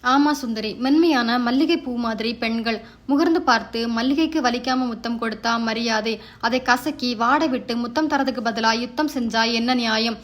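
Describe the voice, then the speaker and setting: A steadfast young man who stands by his friend, speaking earnestly in a read-aloud story, as a woman narrator gives him lines. The voice sits fairly high and stays close to her own. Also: moderate pace, lightly acted.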